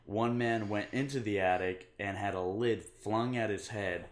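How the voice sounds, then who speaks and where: Young man, very low voice, casual chat, deadpan jokes. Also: measured pace. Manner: joking, deadpan asides. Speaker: co-host.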